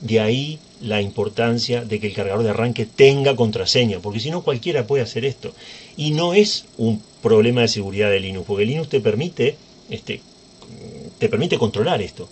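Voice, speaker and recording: Over a little hiss or hum, a man with a mid-range voice walks through a screen-recorded computer tutorial at a moderate pace. He keeps it informal and conversational, regularly turning to his viewers.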